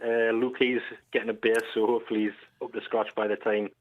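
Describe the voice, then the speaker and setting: A man's voice: lowish voice, level tone, fairly quick. North East English man on muffled phone line. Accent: North East England. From North East England. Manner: colloquial, frequent "you know" and "aye". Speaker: phone-in caller, band singer. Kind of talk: casual chat. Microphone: telephone call to radio show.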